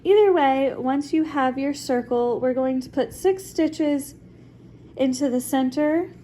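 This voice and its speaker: Her high-pitched, mellow voice moves at a measured pace, with slight background noise. She's a young woman giving an informal crochet walkthrough at a table at home, stuffy from a recent illness and using many "likes" and "ums."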